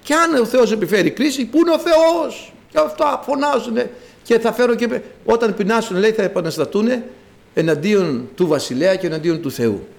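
A man's voice: high voice, lively intonation, creaky. A man preaching a fervent sermon, asking rhetorical questions and reciting scripture.

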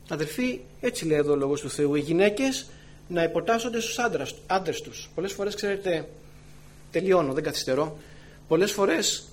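A man who is a church elder preaching a sermon, earnestly addressing his brothers and sisters, swinging from loud emphatic phrases to soft low asides. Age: adult with wife and children. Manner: earnest, often calls the listeners brothers and sisters.

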